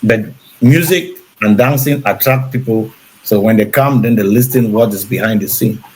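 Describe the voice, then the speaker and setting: A man as a talk show guest, speaking haltingly with many restarts. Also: on the low side, darkish tone, slight background noise, low-quality recording.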